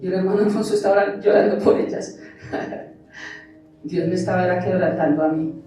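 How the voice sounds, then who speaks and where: A man preaches from the pulpit of a church, sharing personal testimony and throwing rhetorical questions at the congregation. His voice rings through a very echoey sanctuary and is picked up from a distance. Music plays clearly behind him. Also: high voice, steady tone, moderate pace, mellow. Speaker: pastor. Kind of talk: sermon.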